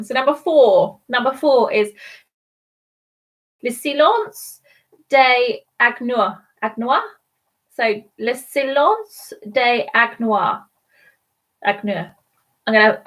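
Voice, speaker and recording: A woman hosting a live online quiz from home, chatting casually and spelling out words slowly letter by letter. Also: a little high, a bit bright. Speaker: quiz host. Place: at home alone.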